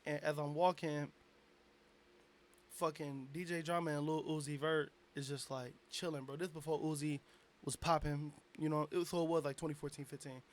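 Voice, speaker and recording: A man's voice: on the high side, moderate pace. Tipsy young man telling a story. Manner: animated, loose storytelling with lots of slang and swearing. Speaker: guest, aspiring rapper. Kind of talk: casual storytelling interview.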